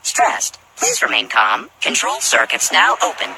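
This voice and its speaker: A gentle, courteous male transit AI. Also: medium pitch, wildly swooping pitch, measured pace, gravelly, heavily acted. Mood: gentle service. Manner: soothing, courteous automated announcements. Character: calm, polite male city transit AI, gentle service voice. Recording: distant, noisy game audio.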